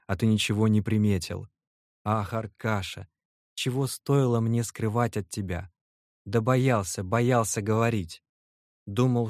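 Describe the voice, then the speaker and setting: A man voicing a nervous, lovestruck young male clerk in an audiobook, speaking in a halting, heartfelt way. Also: fairly low pitch, darkish tone, dry recording, clean studio sound, close to an everyday voice.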